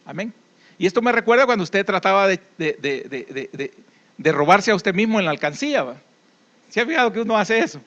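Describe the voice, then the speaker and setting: Salvadoran male preacher, high-pitched, folksy conversational delivery, dull lo-fi recording. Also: very animated, brisk, fairly bright tone. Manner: conversational preaching with folksy anecdotes and tag questions. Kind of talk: sermon.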